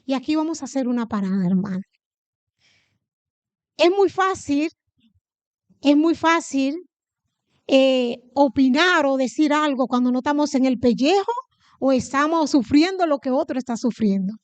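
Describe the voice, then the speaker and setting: A woman's voice: high voice, expressive, moderate pace, pauses often, no room sound. A woman from the Dominican Republic with a Dominican accent, preaching a sermon in church and answering her own questions to the congregation. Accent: Dominican Spanish. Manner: asks the congregation questions and answers them herself.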